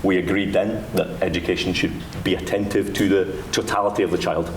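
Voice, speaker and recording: A man's voice: low-pitched, steady tone, a little fast. A man with a Dundee Scottish accent giving a conference presentation in an informal, conversational way. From Dundee, Scotland. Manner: informal, conversational, Scots turns of phrase. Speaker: panel speaker on education. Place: indoor event room with microphone. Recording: roomy, distant microphone, faint noise.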